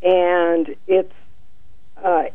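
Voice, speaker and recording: A woman calling in on a speakerphone over a phone line, explaining earnestly and pausing on fillers. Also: lowish voice, flat delivery, dry recording. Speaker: caller, director of a nurses' group. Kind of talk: radio call-in.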